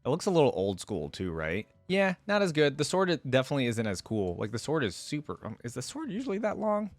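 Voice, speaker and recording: Hosting a reaction video about game skins, a man gives informal, off-the-cuff commentary and thinks aloud. His mid-range voice swoops wildly in pitch at a quick pace, with no echo.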